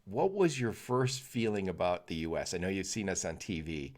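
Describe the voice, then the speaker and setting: A man's voice: low-pitched, very animated, normal speed, a little mellow. Chatty middle-aged male podcast host. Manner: chatty and joking, with frequent fillers and restarts. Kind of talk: casual interview chat.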